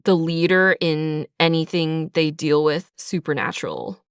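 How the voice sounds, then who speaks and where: This woman, interviewed casually about her audio drama writing, speaks at a moderate pace in a low-pitched voice, informally peppering her answers with "like" and "sort of." The sound is clean studio audio with a clean tone and no room sound.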